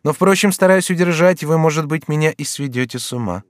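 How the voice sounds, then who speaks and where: A man's voice: a little high, dry recording, studio quality, pitched above the performer's own voice, lightly acted. A man voicing a resolute, grave young woman in an audiobook, speaking firmly and earnestly. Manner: firm, earnest, measured.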